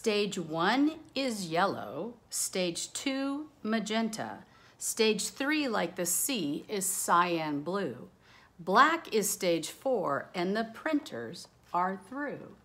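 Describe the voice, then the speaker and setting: A woman reads a picture book aloud in a mid-range voice, going extremely slowly. She tells the story with expressive, dramatic emphasis, lingering on words and slipping in casual asides.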